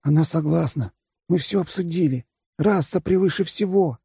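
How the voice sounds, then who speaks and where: A man voicing a high pedantic furry creature. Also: moderate pace, gravelly, dark tone, husky, no echo, studio quality, exaggerated voice. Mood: earnest. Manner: pedantic lecturing, clinical tone. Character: pedantic pink furry male creature, lecturing calmly.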